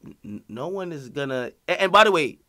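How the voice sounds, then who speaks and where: A man's voice: a little high, lively intonation, a little fast, bright, forceful tone. A man hosting an interview, asking probing questions and stammering on restarts. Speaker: host interviewer.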